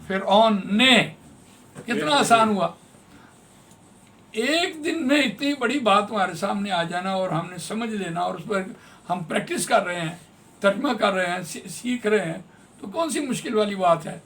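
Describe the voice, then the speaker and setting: A man teaching Quran translation in a classroom lesson, patiently explaining grammar and repeating words slowly. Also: high-pitched, fairly bright tone.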